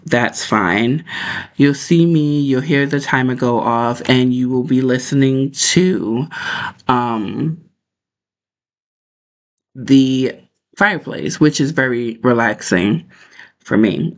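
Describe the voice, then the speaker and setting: Male livestream host, casual and conversational, mid-range voice, informal rambling delivery. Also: mid-range voice.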